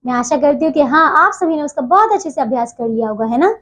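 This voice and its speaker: Young female teacher, high voice, patient, keeps checking kids follow, classroom explainer. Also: lively intonation, fast talker, fairly bright tone. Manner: patient, repeats "theek hai bachchon" constantly. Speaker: school Hindi teacher. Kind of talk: online grammar lesson for children.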